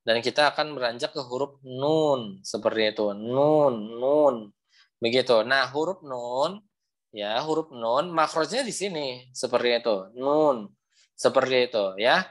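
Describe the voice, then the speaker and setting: A young man teaching Quran recitation in an online class, patiently repeating points and sounding out letters slowly over a video call. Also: mid-range voice, expressive, a bit bright.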